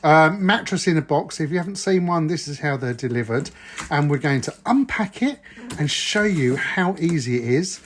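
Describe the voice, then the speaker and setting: A man's voice: a little high, animated, moderate pace, slight background noise. A middle-aged man chatting casually while reviewing a product, hesitant with many ums, in a tiny caravan bedroom. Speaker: vlogger.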